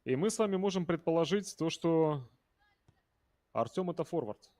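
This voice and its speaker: A man commentates live on a football match. His voice sits a little high. He talks conversationally, addressing the viewers and the players directly as he follows play. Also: lively intonation, moderate pace, a little mellow.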